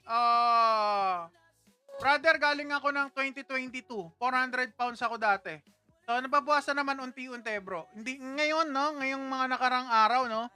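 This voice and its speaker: A man's voice: extremely high pitch, measured pace, bright, forceful tone, smooth, faint music behind. A man hosting a casual livestream, chatting with viewers in a playful, teasing way and laughing often. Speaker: livestream host.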